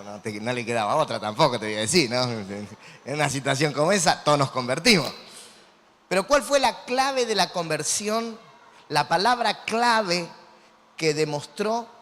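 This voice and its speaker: A man with an Argentine Spanish accent preaching a sermon as a pastor, animated and quizzing his congregation. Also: fairly high pitch. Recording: long hall reverb.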